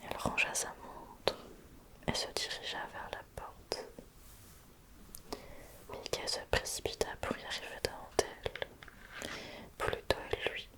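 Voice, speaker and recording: A woman reading a bedtime story in a hushed, soothing ASMR whisper, quiet as at night, gently addressing the listener as if a child.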